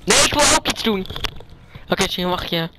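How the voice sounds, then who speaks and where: A man's voice: high-pitched, lively intonation, heavy background noise. Urgent male gaming vlogger. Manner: urgent, hurried calls to a teammate. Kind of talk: live gaming commentary with a friend.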